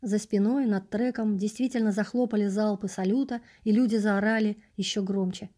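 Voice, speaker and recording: A woman reads a novel aloud in quiet, measured narration. Her voice is warm and mellow, with a soft, dark tone. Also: mid-range voice, fairly even intonation. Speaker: audiobook reader. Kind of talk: scripted narration.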